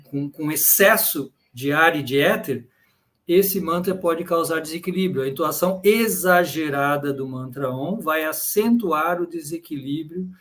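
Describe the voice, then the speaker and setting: A man with a Brazilian Portuguese accent giving an explanatory talk to a live audience, checking in with frequent tag questions. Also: on the high side. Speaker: lecturer on bhakti yoga.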